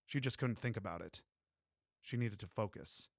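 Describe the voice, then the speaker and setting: A man narrating a romance audiobook in a steady, even storytelling way. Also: lowish voice, normal speed, gravelly, no room sound, clean studio sound. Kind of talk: scripted narration.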